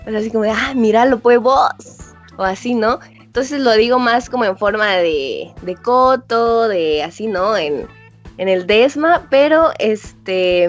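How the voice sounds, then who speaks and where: A woman's voice: fairly high pitch, muffled recording. A woman from Comitán, Chiapas, with a mild Chiapas Mexican accent, a guest in a casual interview, chatting with fillers and frequent laughter.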